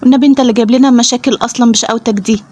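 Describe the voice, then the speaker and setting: A woman voicing a bossy older sister in a toy role-play, bickering quickly with her brother in an Egyptian Arabic accent. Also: on the high side, steady tone, dark tone, natural voice.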